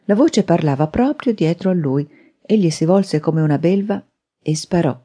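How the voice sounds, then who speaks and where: Woman narrator, low mellow voice, dramatic thriller reading. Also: moderate pace, breathy edge. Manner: dramatic, steady storytelling. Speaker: audiobook narrator. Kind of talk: scripted narration.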